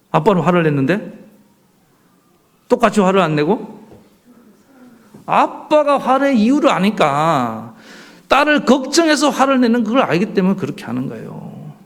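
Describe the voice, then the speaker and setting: Male pastor, fairly high gravelly voice, lively sermon delivery, church setting. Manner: animated preaching with rhetorical questions to the congregation. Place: church sanctuary.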